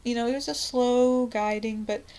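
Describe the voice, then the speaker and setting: A woman with a slightly higher voice delivers a fervent evangelizing monologue as a self-styled prophet. She rambles, restarts her sentences often and leans on "you know" as she talks. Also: steady tone, normal speed, a little mellow, low-quality recording.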